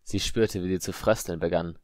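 A man narrating an audiobook in an even, measured storytelling manner. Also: sits low, no echo, studio quality. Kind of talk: scripted narration.

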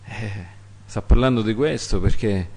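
A man preaching a sermon, repeating phrases for emphasis and swinging between loud, high exhortation and quiet, low asides. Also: a little slow, husky.

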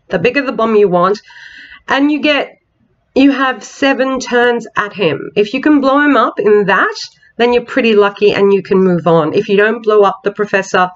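Woman, nasal voice, chatty meandering game walkthrough, dull lo-fi recording. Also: mid-range voice. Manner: chatty, meandering, with ums and restarts. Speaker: slot game video maker.

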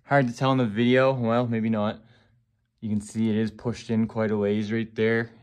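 A man's voice: fairly low pitch, moderate pace, clean tone. Casual man touring a cramped basement. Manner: relaxed, plain-spoken, thinking aloud with fillers. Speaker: real estate agent. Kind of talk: casual property walk-through. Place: cramped old stone basement. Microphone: phone camera held by the speaker, moving.

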